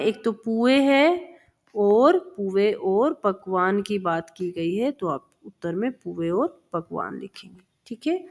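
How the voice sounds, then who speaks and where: A woman teacher with a slightly high voice explains a lesson from a children's textbook, patiently repeating words and sounds for young pupils.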